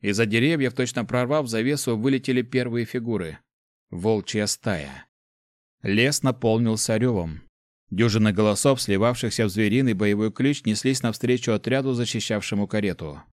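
A man reading a fantasy novel aloud in steady, measured scripted narration. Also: lowish voice, no echo, studio quality. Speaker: audiobook narrator.

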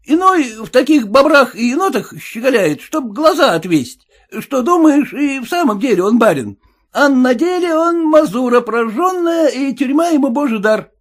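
A man voicing a suspicious, boastful peasant cab driver with a shrill, folksy way of talking. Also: sing-song, moderate pace, full character voice. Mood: wary, relieved.

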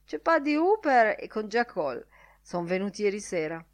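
A man's voice: sits high, sing-song, moderate pace. A woman reading an audiobook, voicing an older male professor who speaks with dry wit. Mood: wry.

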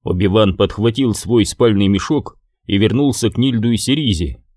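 A man with a low voice reads an audiobook at a steady, measured pace. The recording is dry and close, with no room sound. His delivery stays even through the narration. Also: no echo.

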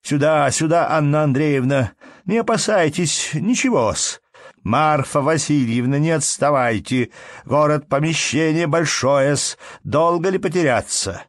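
A man's voice: a little high, measured pace, dry recording, pitched above the performer's own voice, natural voice. A man voicing a fussy, fawning male servant in an audiobook, calling to a crowd of girls. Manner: fussy, wheedling. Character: fussy obsequious male lackey herding girls.

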